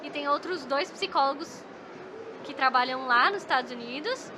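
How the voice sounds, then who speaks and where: With a high-sitting voice at normal speed, this Brazilian woman, a native Portuguese speaker working as an esports psychologist, talks casually on a podcast. She's chatty, with a Brazilian Portuguese accent and frequent "né?" tag questions, and there's background noise.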